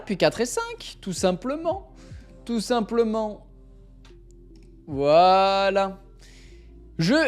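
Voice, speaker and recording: A man's voice: sits high, darkish tone. A man hosting a live stream, chatting casually and playfully, often laughing as he reads out suggestions. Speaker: livestream host.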